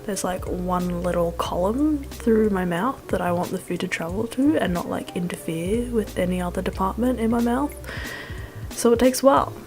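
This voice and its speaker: A woman's voice: medium pitch, normal speed. Wry young woman over music. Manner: rambling, wry, self-deprecating, casual slangy phrasing. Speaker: food vlogger. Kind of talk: casual vlog voice-over.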